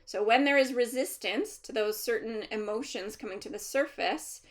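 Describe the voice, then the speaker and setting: A woman speaking as a trance medium, channeling a collective of master healer spirits in a deliberate, formal, instructive manner with pauses. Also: a little high, natural voice. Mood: calm, instructive. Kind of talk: seance medium channeling, unscripted spiritual teaching.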